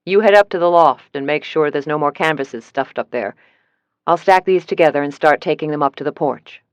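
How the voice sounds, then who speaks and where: A woman's voice: deep voice, fairly quick, smooth, dry recording, muffled recording, lightly acted. A woman reading the lines of a hungry, impatient grown man in an audiobook, dry and teasing.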